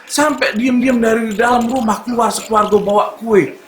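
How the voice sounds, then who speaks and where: A man with a Palembang accent performing a stand-up comedy set, telling his story with big swings between shouts and low asides. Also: fairly even intonation, moderate pace. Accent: Palembang Malay. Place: stage at a live comedy show. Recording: echoey venue, loud background noise.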